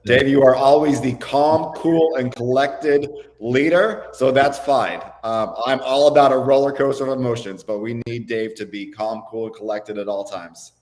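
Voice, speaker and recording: A man co-hosting a livestream chat, upbeat and gushing with excitement. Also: mid-range voice, moderate pace, hardly any pauses. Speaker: co-host.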